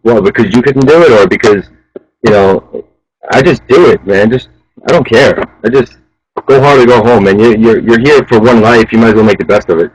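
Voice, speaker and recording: A man in his thirties, a chef interviewed as a guest, talking casually and urging people on in a fast, animated way. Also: mid-range voice, breathy edge, low-quality recording. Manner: fast, animated, motivational, says "man" a lot.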